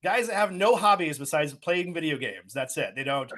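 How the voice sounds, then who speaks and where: A man's voice: on the high side, lively intonation, normal speed, fairly bright tone. A man co-hosting a podcast, teasing and provoking his friend in a casual argument, with some swearing. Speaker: podcast co-host.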